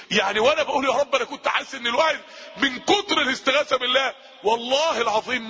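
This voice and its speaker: An Egyptian-accented man preaching at a very high pitch and a quick clip. His voice is bright and a little husky, and his impassioned delivery repeats key phrases and climbs to shouts. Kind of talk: recorded sermon.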